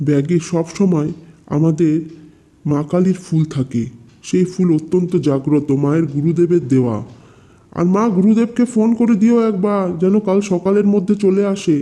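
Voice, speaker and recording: A man tells a horror story in the first person, as the elder son of the family. His voice is high with a dark tone. He speaks urgently and keeps repeating words in alarm. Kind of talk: dramatized horror narration.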